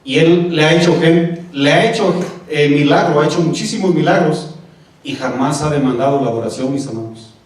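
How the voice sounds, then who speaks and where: A man's voice: fairly high pitch, normal speed. A man preaching a sermon as pastor, in a conversational, joking way with frequent asides to the congregation. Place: church. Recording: echoey church hall, mic at a distance.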